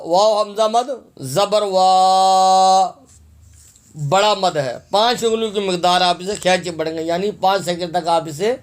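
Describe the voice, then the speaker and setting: A man teaching Quran recitation. He spells out letters and vowels, asks and answers his own questions, and slowly draws out syllables to show each sound. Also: high voice. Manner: stretches syllables long when demonstrating. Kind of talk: tajweed lesson with slow drawn-out recitation.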